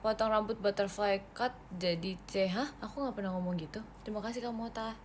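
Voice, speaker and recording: A young woman chats playfully on a phone livestream, reading out fan comments and giggling between replies. Her voice sits at a middle pitch. A faint hiss hangs behind her. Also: steady tone, fairly quick. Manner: chatty, playful, giggly, reads comments aloud. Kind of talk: casual livestream chat.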